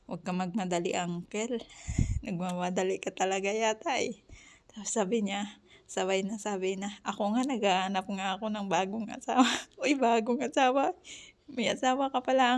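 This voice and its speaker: A chatty woman with an Ilonggo accent recounts a conversation in a relaxed vlog, laughing often as she goes. She talks while chopping onions in her kitchen. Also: medium pitch. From Western Visayas, Philippines. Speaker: vlogger. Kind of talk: casual storytelling vlog.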